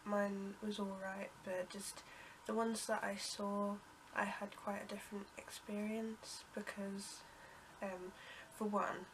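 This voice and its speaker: Slow-paced and nasal from a cold, a young UK vlogger rambles through a casual story for the camera. Flat in pitch, she restarts often, says um a lot, and coughs and clears her throat. A steady noise hiss runs throughout.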